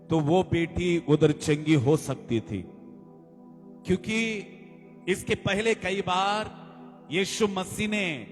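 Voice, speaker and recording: High-voiced preaching man in a hall. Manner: builds to shouted calls, drawn-out English phrases. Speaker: pastor. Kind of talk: sermon. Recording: long hall reverb, faint music.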